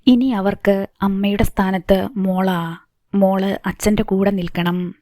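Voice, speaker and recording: A woman's voice: medium pitch, steady tone, unhurried, dark tone, no echo, clean studio sound, close to an everyday voice. A woman voicing a grieving middle-aged mother who speaks in a tearful, pleading, solemn way.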